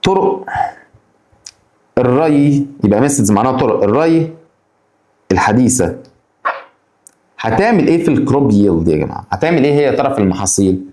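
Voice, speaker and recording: Lively Egyptian man teaching English vocabulary. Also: medium pitch, reverberant. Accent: Egyptian Arabic. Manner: addresses students directly with quick rhetorical questions. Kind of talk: exam-prep lesson explaining vocabulary.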